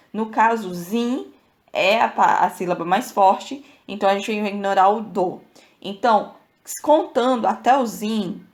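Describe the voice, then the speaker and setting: A woman from Brazil hosting a podcast lesson, casually explaining verse and counting syllables aloud, often checking in with her listeners. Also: medium pitch. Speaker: podcast host teaching literature.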